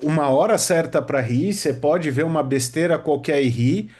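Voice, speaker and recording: A man hosting a podcast, with a voice pitched a little higher than most men's. He stays engaged, chimes in with short agreements and picks up on his guest's ideas. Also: a little mellow, husky. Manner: engaged, quick affirmations, builds on guest's points. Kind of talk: casual podcast conversation.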